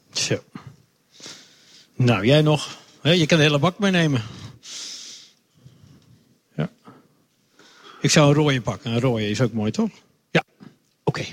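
High-voiced Dutch man preaching to children. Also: husky. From Netherlands. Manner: friendly, chatty, talks directly to children. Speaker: lay preacher. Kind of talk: children's sermon in church. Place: church hall. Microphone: wireless microphone, moving around.

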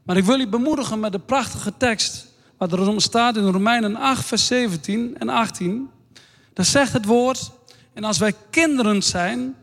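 A man preaching a sermon in a slow, earnest way, reading scripture aloud. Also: sits high. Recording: long hall reverb.

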